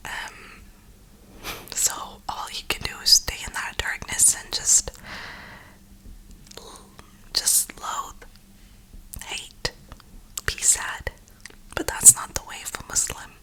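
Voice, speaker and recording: In this low-quality clip, a woman known for ASMR content and gaming speaks in a hushed, breathy whisper near the microphone, drifting through sincere, reflective words of encouragement.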